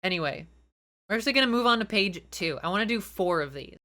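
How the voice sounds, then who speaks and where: Sardonic woman with a bright, forceful voice. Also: mid-range voice, animated, quick pace. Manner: sardonic, incredulous, swears freely. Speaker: voice actor reviewing tabletop game homebrew. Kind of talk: animated comedic commentary on read-out rules.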